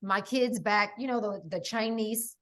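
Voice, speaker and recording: With a medium-pitched, slightly bright voice and a somewhat slow pace, a middle-aged American woman guests on a podcast. Her casual storytelling is emphatic and full of "like" and "right?".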